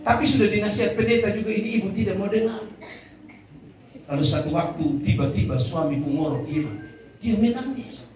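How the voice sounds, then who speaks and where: A man's voice: sits high, steady tone, fairly quick, background noise. A male pastor with a Kupang Malay accent preaching a humorous funeral sermon, telling jokes, acting out voices and calling for amens. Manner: joking storyteller acting out quoted voices, calls for amens. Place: funeral tent. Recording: roomy sound from a distant mic.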